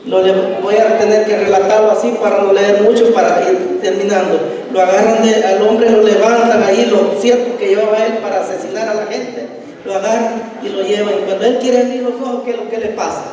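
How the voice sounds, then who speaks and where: A man's voice: sits high, steady tone, brisk, warm tone. A man preaching a sermon in a church, often asking the congregation to finish his sentences and acting out scripture dialogue. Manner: call-and-response questions to the congregation. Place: church sanctuary. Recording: echoey hall, distant mic.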